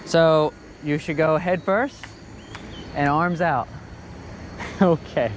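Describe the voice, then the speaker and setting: A person vlogging casually and in an excitable way outdoors, with exclamations. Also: medium pitch, takes it slowly. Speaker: vlogger doing a first bungee jump. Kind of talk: casual first-person vlog of a bungee jump. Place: outdoors on a high bungee platform. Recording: noisy outdoor recording, wind and vehicle hum.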